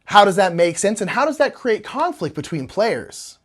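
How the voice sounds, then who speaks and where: Lively woman as parody news anchor. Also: medium pitch, normal speed. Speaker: co-host of a satirical board game news show. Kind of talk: scripted comedic news.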